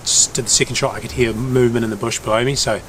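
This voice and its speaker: A man's voice: mid-range voice, steady tone, fast talker, a bit bright. A man with a broad New Zealand accent talking casually and in a laid-back way to camera as a hunting vlogger outdoors. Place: outdoors in bush and hilltops. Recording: noisy outdoor ambience.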